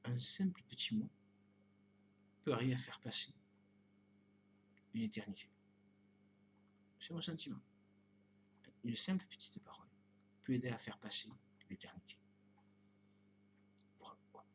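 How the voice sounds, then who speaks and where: A man's voice: mid-range voice, animated, a little slow, pauses often, slight background noise. A man talking straight to his own videos in a rambling spiritual monologue, full of repeated fillers, often sinking to a whisper. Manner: drifting, repeats "tu vois", often drops to a whisper. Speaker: video blogger.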